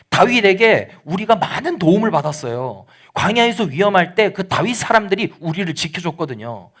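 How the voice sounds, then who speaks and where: A male pastor delivering a sermon in church, his voice sitting a little high for a man and swinging widely in pitch. He keeps putting questions to the congregation and acts out the quoted lines with animation. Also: a bit bright.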